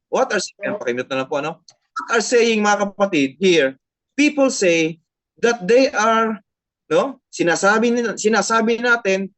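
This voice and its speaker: A woman pastor with a Filipino accent, preaching a sermon, switching between Tagalog and English, repeating phrases and asking the congregation frequent tag questions. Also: mid-range voice.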